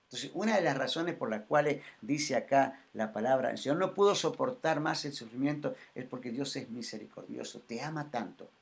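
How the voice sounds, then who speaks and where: Animated, gravelly-voiced male pastor preaching. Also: medium pitch, brisk, hardly any pauses. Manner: emphatic, repetitive preaching with sharp swings in loudness. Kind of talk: sermon.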